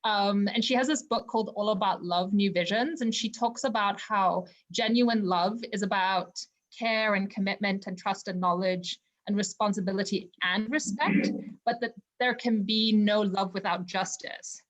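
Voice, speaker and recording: A woman's voice: medium pitch, fairly even intonation, normal speed, muffled recording. Woman from zimbabwe on a podcast call from home, earnest, lots of "you know". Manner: earnest and reflective, with frequent fillers like "you know". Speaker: podcast guest. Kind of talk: casual interview conversation.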